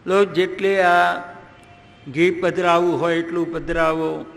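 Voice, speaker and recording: A fussing, doting mother pleads with a guest and scolds her naughty child, as a male storyteller puts her on. The voice sits high and moves slowly, with a gravelly edge. It carries a long reverb, as in a large hall. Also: level tone, a bit bright, heavily acted.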